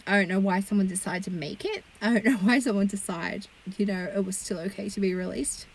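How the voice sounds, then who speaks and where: A woman's voice: medium pitch, fairly quick, low-quality recording. A woman reviewing movies in a casual, blunt rant, exasperated and swearing freely. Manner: chatty with frequent fillers.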